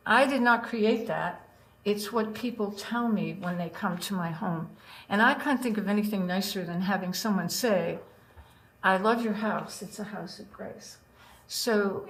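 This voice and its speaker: Older female open mic poet, mid-pitched, conversational, digressive, addressing the audience directly. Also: poor audio. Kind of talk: casual spoken introduction to her own poems, with short recitations.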